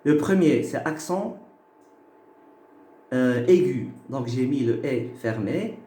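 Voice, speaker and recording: A man's voice: medium pitch, expressive, dark tone. A man teaching a phonetics lesson, explaining patiently and checking that listeners follow. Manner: slow, patient, checks in with "ok?" and "d'accord?". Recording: echoey room.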